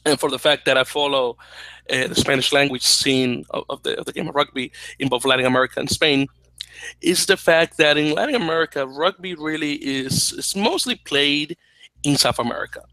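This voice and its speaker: A young man from the Dominican Republic co-hosts a podcast from a small room at home on a headset mic, explaining at length in a chatty, opinionated way and restarting phrases. His fairly high voice is pushed and bright, a little fast, in a dry, low-quality recording.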